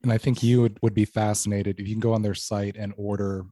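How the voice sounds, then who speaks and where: Male podcast host, mellow and lowish, measured explainer, dry close sound. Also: flat delivery, no echo. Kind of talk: casual podcast chat, guided tasting.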